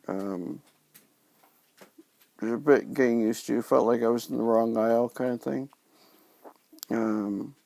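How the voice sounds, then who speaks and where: A man with a very creaky, fry-heavy voice speaks slowly into a dry, close recording. His delivery is halting and subdued, like a casual video diary, with words slightly hampered by a sore, post-surgery mouth and new dentures. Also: medium pitch, darkish tone, no echo. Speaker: vlogger sharing recovery from dental surgery.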